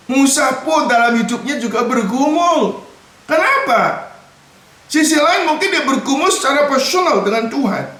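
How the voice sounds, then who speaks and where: A man's voice: extremely high pitch, a bit bright. Man preaching in an echoey hall. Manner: addresses congregation as brothers and sisters, mixes in English words. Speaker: pastor. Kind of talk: sermon. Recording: echoey church hall from far off.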